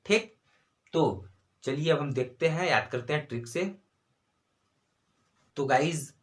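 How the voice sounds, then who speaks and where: A man with a Chhattisgarhi Hindi accent teaching an exam-prep lesson, asking himself questions and answering them, with frequent "ठीक है" and "है ना" tags. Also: fairly high pitch. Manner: repeats "ठीक है" and "है ना", asks and answers own questions. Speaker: exam tutor.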